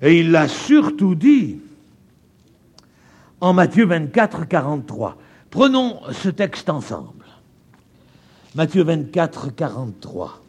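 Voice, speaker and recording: A man from France preaching a sermon in a French accent, stressing key words emphatically and stretching them out. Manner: emphatic, stretching key words, wide swings in pitch and loudness.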